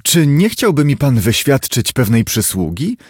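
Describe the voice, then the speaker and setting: Dignified middle-aged lawyer, raised pitch, formal measured speech, dry sound, as a narrator puts him on. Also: male voice, big pitch swings, darkish tone, slightly rough, no echo. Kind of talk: audiobook character voice.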